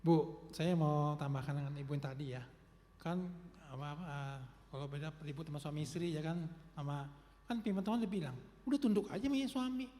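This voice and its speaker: A man's voice: fairly high pitch, mellow, big-room sound, a little hiss or hum. A man from the congregation adding a comment in a joking, half-laughing way.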